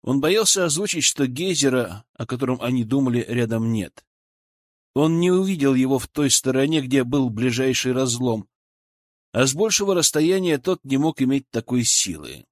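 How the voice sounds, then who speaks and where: A man narrating an audiobook with expressive, animated reading. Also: mid-range voice, moderate pace, no room sound, clean studio sound.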